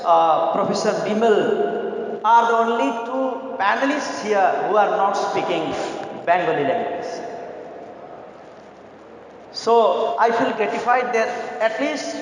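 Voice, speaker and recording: A man from Nepal speaking, giving a formal, measured talk as a literary critic on a festival panel. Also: high voice, expressive. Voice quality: measured, deliberate delivery with pauses. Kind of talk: formal conference speech. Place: large conference hall. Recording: very echoey hall, faint noise.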